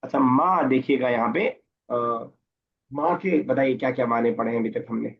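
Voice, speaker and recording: A man teaching an online class word by word, reading Arabic slowly, then explaining it in Urdu and asking his students questions. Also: medium pitch, gravelly, a little hiss or hum. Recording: muffled lo-fi online class audio.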